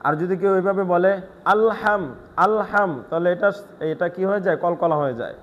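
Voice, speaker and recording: A man giving a one-on-one lesson in Quran recitation, explaining pronunciation quickly and patiently, then reciting slowly. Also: high voice, highs cut off.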